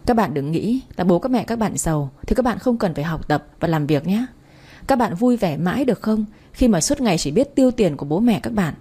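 A woman's voice: medium pitch, animated, fairly quick, mellow, breathy edge. A young adult woman reading a first-person story aloud in a firm, lecturing manner. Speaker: narrator.

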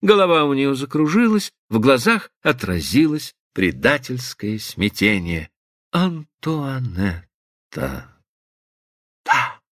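Expressive male audiobook narrator. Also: mid-range voice, unhurried, few pauses, no echo, clean studio sound. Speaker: audiobook reader.

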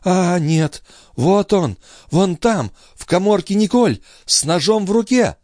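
A man's voice: high-pitched, animated, unhurried, a little mellow, dry recording, clean studio sound, voice pushed up. A man voicing a frightened young noblewoman in a trance, breathless and pleading as she cries out in an audiobook reading. His voice rises far above his own for her. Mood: entranced.

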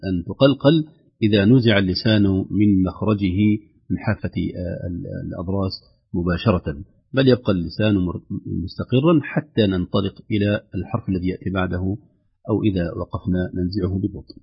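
A man with a low, husky voice teaches Quran recitation and explains how each letter should sound. He slows down and stretches his example words to demonstrate. The recording is dull and lo-fi. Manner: demonstrates pronunciation with slow, drawn-out examples.

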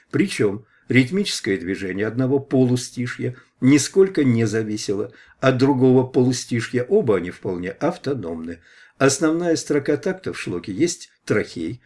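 A man reading a scholarly preface aloud as an audiobook, at a measured pace. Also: medium pitch, a little mellow. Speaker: audiobook reader.

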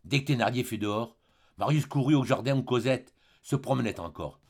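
A man reading a classic novel aloud as an audiobook narrator, measured and expressive. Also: medium pitch. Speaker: audiobook reader.

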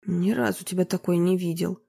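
A woman's voice: on the low side, steady tone, a little fast, vocal fry, warm tone, husky, full character voice. A woman voicing a grumbling, blunt adult male saxophonist in a read-aloud story.

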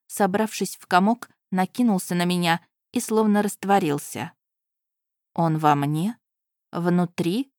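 Female audiobook narrator, lowish voice, dry close mic, first-person storytelling. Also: a little mellow, no echo.

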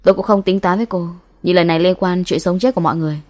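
A commanding young male demon hunter from a ghost audiobook, acted by a woman. He speaks sternly, in forceful scolding orders. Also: on the low side, fairly even intonation, quick pace, lightly acted.

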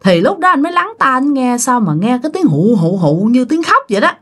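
A woman's voice: high-pitched, sing-song, fairly quick, a bit bright. A woman telling a ghost story casually, chatting directly to her listeners.

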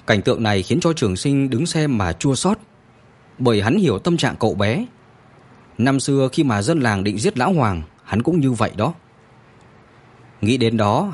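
Husky male storyteller, lively delivery. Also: mid-range voice. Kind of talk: scripted story narration.

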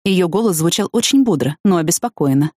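A woman narrating a first-person novel in an even, measured storytelling voice. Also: lowish voice, no room sound, studio quality. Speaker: audiobook narrator.

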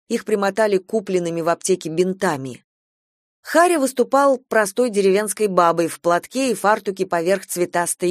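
A woman reading a comic story aloud, narrating in a lively, ironic way. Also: medium pitch, no echo, clean studio sound. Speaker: audiobook narrator.

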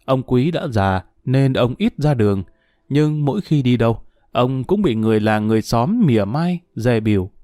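A man narrating a story in a measured storytelling manner. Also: medium pitch, expressive, dark tone, no room sound, clean studio sound. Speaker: audiobook narrator. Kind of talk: scripted narration.

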